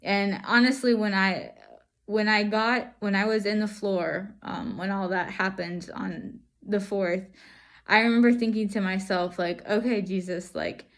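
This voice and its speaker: Female vlogger, medium pitch, voice through a face mask. Personal testimony: earnest, reflective, halting delivery. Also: fairly even intonation. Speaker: vlogger sharing stroke recovery.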